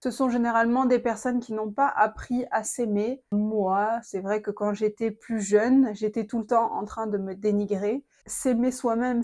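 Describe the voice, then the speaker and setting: A woman's voice: medium pitch, warm tone. A young woman talking earnestly and reflectively to camera, sharing personal advice with a lot of hesitation fillers. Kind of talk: casual confiding talk to camera.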